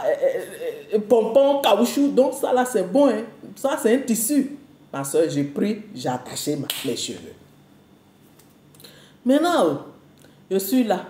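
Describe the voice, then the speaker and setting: Animated woman telling a testimony. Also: mid-range voice, echoey room. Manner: animated, repetitive, storytelling with exclamations. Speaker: preacher sharing testimony. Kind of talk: testimony to a congregation.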